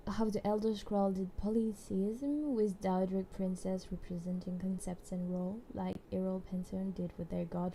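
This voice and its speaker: A woman's voice: medium pitch, mellow, a little hiss or hum. A woman streaming live, chatting casually and hesitantly with many fillers and restarts. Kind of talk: casual livestream chat.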